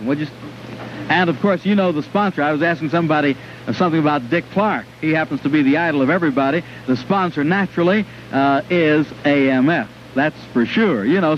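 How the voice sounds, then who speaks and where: A man hosting a live sports show on old television, chatting and rambling as he ad-libs. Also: on the high side. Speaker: television host. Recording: dull, noisy vintage 1950s TV broadcast.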